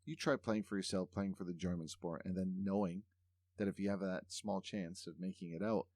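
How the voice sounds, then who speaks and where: A man's voice: deep voice, fairly even intonation, a little fast, darkish tone, dry recording, studio quality. A man hosting a podcast interview, speaking reflectively and earnestly in long thoughtful turns. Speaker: podcast host. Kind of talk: casual interview chat.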